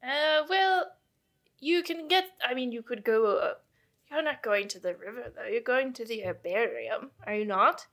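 A woman's voice: a little high, moderate pace, fairly bright tone. A woman voicing a busy, impatient woman astronomer who talks in a curt, dismissive way with a put-on accent.

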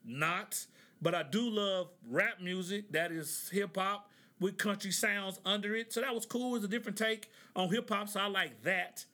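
High, bright-voiced man hosting a podcast. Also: normal speed. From Oklahoma. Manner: conversational, frequent "right?" asides. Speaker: podcast host. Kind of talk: casual commentary.

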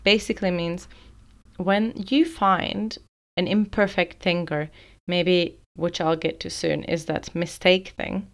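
A woman's voice: lowish voice, steady tone, slow pace. A woman hosting a solo podcast, explaining ideas in a thoughtful way and often saying "like" as she goes. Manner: thoughtful, explanatory, uses many fillers like "like". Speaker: podcast host.

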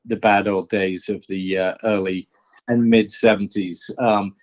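A slow-speaking man talks casually as an interview guest, filling his pauses with ums and uhs. His voice sits a little low. The recording is dull and lo-fi. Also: steady tone. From England. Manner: hesitant, many ums and uhs. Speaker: artist guest. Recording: dull lo-fi sound.

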